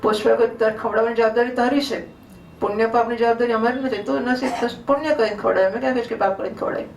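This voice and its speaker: A woman's voice: a little high, fairly even intonation, very fast, creaky, a little hiss or hum. A woman giving a devotional scripture discourse in a conversational way, often asking the audience questions. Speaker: religious storyteller. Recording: roomy hall, distant mic, faint ambience.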